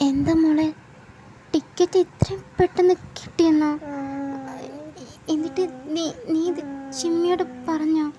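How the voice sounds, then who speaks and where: A woman's voice: very high-pitched, steady tone, a little slow, long pauses, crowd noise. A woman voicing a worried mother who anxiously questions and coaxes her daughter.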